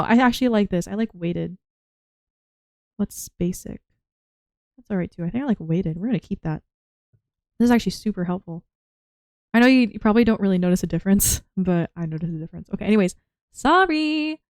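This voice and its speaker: Female streamer, rambly and scattered, smooth voice a bit hoarse, dry close recording. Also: medium pitch, no room sound. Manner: rambling, self-interrupting, chatty. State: losing her voice. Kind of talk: casual stream chat while drawing.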